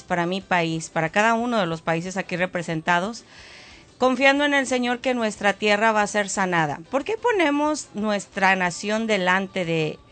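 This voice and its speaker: Encouraging woman radio co-host. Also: mid-range voice. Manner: warmly encouraging, faith-filled phrasing.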